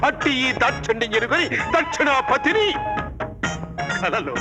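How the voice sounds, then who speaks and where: A proud god of death and king of hell, booming grand old-fashioned speeches in a high, sweeping voice that swoops up and down. Loud film music swells behind him. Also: sing-song, unhurried, full character voice. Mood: wrathful. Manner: grandiose, booming archaic declamation. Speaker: actor in a film.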